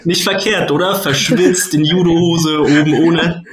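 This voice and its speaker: A man from Switzerland, a guest coach, answering interview questions in a relaxed way, laughing often and tagging "ne?" onto his sentences. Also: a little high, measured pace, over a noisy crowd. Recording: echoey room.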